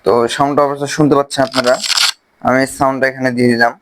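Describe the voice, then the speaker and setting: A man with a Bangladeshi Bengali accent, casually explaining a phone video-editing app step by step, with pauses as he clicks. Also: medium pitch, flat delivery, background noise. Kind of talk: screen-recorded software tutorial.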